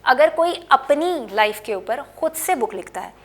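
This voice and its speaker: Middle-aged lady teacher, kinda high voice, patient, goes over pronunciation again and again, lots of "okay". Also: lively intonation, a little slow. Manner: patient, explains words by writing and repeating them, with frequent "okay". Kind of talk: spoken English lesson, Hindi-English mix.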